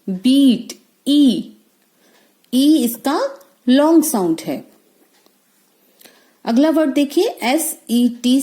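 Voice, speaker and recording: Slow, mellow-voiced woman teaching phonics. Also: a little high. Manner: spells out words letter by letter, then repeats them. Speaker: English teacher. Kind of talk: phonics lesson for children.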